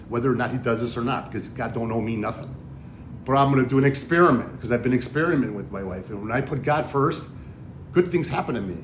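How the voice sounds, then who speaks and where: A man on a trip with his wife, telling stories and preaching in an animated, excitable way. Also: mid-range voice, a little hiss or hum. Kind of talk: casual preachy storytelling. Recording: roomy echoey recording.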